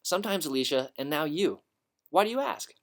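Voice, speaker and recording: A man voicing a warm, gentle mother talking with her young daughter in a storybook reading. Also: on the high side, expressive, brisk, voice pushed up. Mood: thoughtful. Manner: gentle, lightly raised voice.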